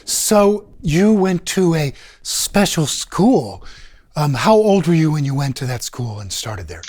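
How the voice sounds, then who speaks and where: A man's voice: on the high side, very animated, unhurried, a little mellow. Middle-aged male host, studio interview, friendly and conversational. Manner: friendly, with brief acknowledgments and restarts. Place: small studio set, seated indoors.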